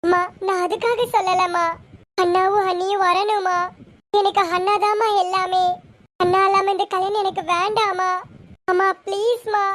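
Woman voicing a very high pleading young bride. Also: level tone, moderate pace, a bit bright, a little hiss or hum. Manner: pleading and insistent. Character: young bride, devoted to her older brother. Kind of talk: amateur family serial acting.

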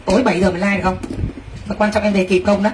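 A woman's voice: mid-range voice, rapid-fire, distant mic, rough recording. A woman running a live clothing sale, gushing with exclamations and talking straight to her viewers. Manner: excitable, gushing exclamations, addresses viewers directly. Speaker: livestream clothing seller. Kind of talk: live selling pitch. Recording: voice from away from the mic, faint background noise.

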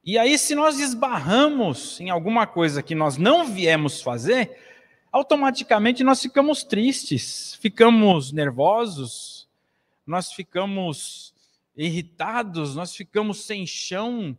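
Standing at a lectern in a small hall, a Brazilian man in his forties delivers a spiritist lecture earnestly, gesturing broadly as he preaches into a stand mic. He has a Brazilian Portuguese accent and a high voice with big pitch swings at a slow pace. Long hall reverb fills the recording.

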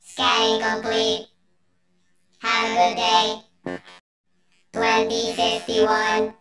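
A woman voicing a polite robot that scans and greets people, her voice pitch-shifted by editing, in a slow, measured robotic manner. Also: steady tone, fairly bright tone, echoey room, soft background music, full character voice. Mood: mechanical. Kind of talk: comedy sketch.

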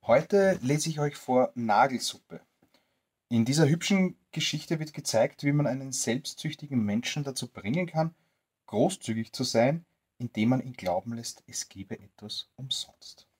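Expressive bedtime storyteller, slightly husky. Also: mid-range voice, unhurried. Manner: gentle, expressive reading aloud.

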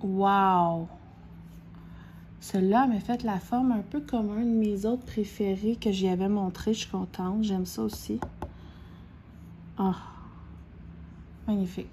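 A middle-aged woman with a Québécois accent chats through an unboxing in a slow, drawn-out way. She gasps and repeats her exclamations over and over. Faint room noise sits under her voice. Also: medium pitch, mellow. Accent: Québécois French. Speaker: diamond painting vlogger. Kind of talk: excited unboxing chat.

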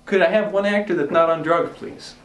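A man's voice: high voice, steady tone. A man playing a frantic, exasperated rookie film director in a comedy sketch. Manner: frantic, exasperated, talks fast. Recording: echoey room from far off, faint noise.

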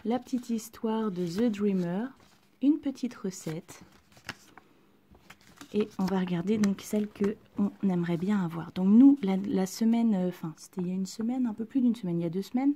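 A woman chatting through a casual unboxing at home, gushing with excitement and often dropping to a soft whisper. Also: mid-range voice, normal speed, slight background noise. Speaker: vlogger unboxing collectible figurines.

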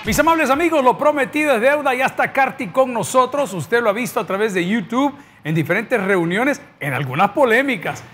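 Salvadoran male TV host, middle-aged, high and animated, playful presenter. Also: a little fast, hardly any pauses, soft background music. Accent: Salvadoran Spanish. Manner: jovial, joking, lively presenter. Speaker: TV host and pastor. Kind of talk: talk show hosting. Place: TV studio set. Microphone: lapel mic.

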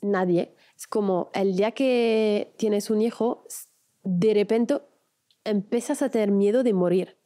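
A woman's voice: medium pitch, measured pace, mellow. A woman in her thirties hosting a casual chat, chatty and leaning on filler phrases as she talks about motherhood. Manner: chatty, lots of filler "es como". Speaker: host.

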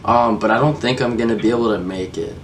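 A man's voice: medium pitch, quick pace, a little hiss or hum. A young man talking in a casual, slangy way, as in a prank phone call or video chat. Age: young adult. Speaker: prank caller and video host. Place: small room indoors, plain wall.

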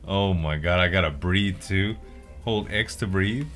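A man's voice: low-pitched, measured pace, a bit bright, faint music behind. A young man giving casual, exclamatory gameplay commentary as a let's-player, swearing freely. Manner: exclamatory, swearing, laughs readily. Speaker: let's play gamer.

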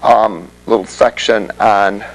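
A man's voice: lowish voice, steady tone, slow, poor audio. A man teaching a web development class in a classroom, explaining things conversationally and often checking in with the students. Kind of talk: classroom lecture.

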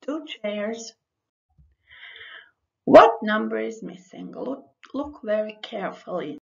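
A woman with a Croatian accent teaching young children to count like a kids show host, in simple repeated phrases with pauses. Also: mid-range voice, sing-song, gravelly. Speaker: primary school English teacher. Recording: dull lo-fi voice-over.

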